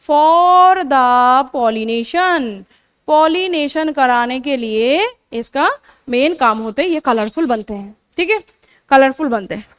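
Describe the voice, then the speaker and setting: High-voiced woman teaching biology. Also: expressive, measured pace, no echo. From India. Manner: explanatory, repeats terms, frequent "theek hai" check-ins, self-corrects. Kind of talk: classroom lecture mixing Hindi and English terms. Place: coaching classroom.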